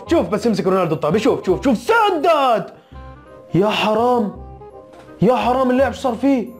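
Man, fast teasing football vlogger, very high voice, faint music behind. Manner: teasing, animated, mock-scolding with frequent laughter. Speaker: football YouTuber reacting to results. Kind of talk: excitable casual football chat.

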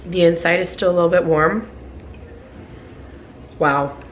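A woman in her thirties, a cooking vlogger, chats her way through a casual cook-along video in her home kitchen indoors. Her voice sits on the low side with fairly even intonation and an unhurried pace, and there's slight background noise. She gushes over the food, peppering her talk with "like" and "oh my goodness."

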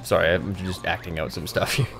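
A man co-hosting a casual let's play at a desk microphone, joking around with playful loud outbursts. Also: sits low, steady tone, brisk, gravelly, music in the background. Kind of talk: casual gameplay commentary.

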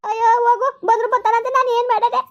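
A woman's voice: very high-pitched, flat delivery, racing, highs cut off. A woman playing an old village wife who pleads and protests against her husband's accusations in a comedy skit. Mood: defensive whining. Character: old village wife, defensive and self-pitying.

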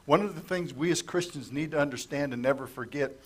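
He talks fast, with a slightly high pitch and a breathy edge. The middle-aged pastor preaches a conversational Bible-study sermon, verse by verse, at the lectern mic of a church sanctuary, quizzing his congregation even as his voice gives out and he coughs.

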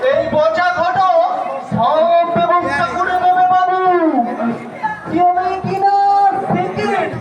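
Shrill, fawning jatra servant sidekick. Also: male voice, level tone, slow pace, distant mic. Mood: sly, fawning. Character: fawning, scheming servant sidekick of a rich master. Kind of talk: jatra folk theatre stage acting. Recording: dull, echoey stage recording with loud music, crowd.

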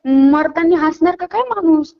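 A woman's voice: very high voice, lively intonation, measured pace. A woman on a phone call, panicked and pleading, later scolding the caller. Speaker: prank call target.

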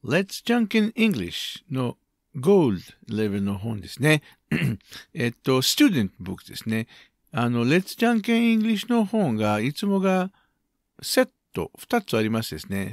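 A man's voice: medium pitch, sing-song, brisk, vocal fry, dry recording, studio quality. A man teaching English to children, spelling words letter by letter and mixing English with Japanese in a patient way. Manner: switches between English and Japanese.

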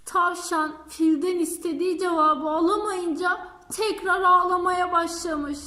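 Woman telling a kids fairy tale, slow, bright, echoey room. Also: very high voice. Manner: slow, warm-paced storytelling. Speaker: storyteller. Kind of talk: children's fairy tale narration.

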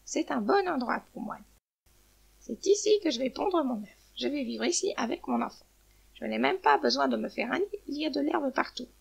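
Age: adult. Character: a woman voicing a brave, defiant hen, high and gravelly. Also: animated, moderate pace, heavily acted. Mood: calm. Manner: proud and scornful, then despairing. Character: brave defiant hen, female, weary of life. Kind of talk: storybook narration.

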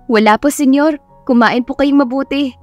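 A woman voicing a gentle, polite young female caregiver in an audio story. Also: high voice, normal speed, highs cut off, soft background music, voice pushed up, lightly acted. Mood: polite concern.

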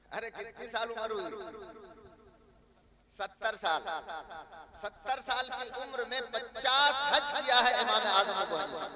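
A male Islamic preacher giving a sermon to a live gathering, often quizzing the audience with repeated questions and joking with them. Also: sits high. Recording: audience laughter and crowd noise.

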